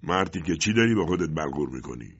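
A man doing a shouting, mocking secret police thug. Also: rumbling low, animated, slightly rough, muffled recording, exaggerated voice. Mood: menacing. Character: angry curly-haired male secret police thug.

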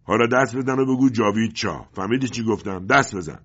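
A man doing a shouting, mocking secret police thug. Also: extremely low pitch, lively intonation, husky, dull audio, exaggerated voice. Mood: shouting mockery. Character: angry curly-haired male secret police thug.

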